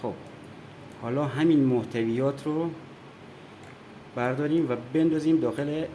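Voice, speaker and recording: A man calmly walking viewers through a computer installation, step by step, in a screen-recorded tutorial. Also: mid-range voice, slight background noise. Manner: calm step-by-step instructions. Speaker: tutorial presenter.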